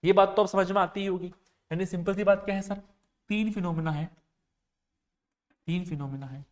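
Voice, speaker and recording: High-voiced man teaching a maths lesson. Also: steady tone, moderate pace. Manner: explains step by step, often asks students if they understood. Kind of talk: exam-prep classroom lecture.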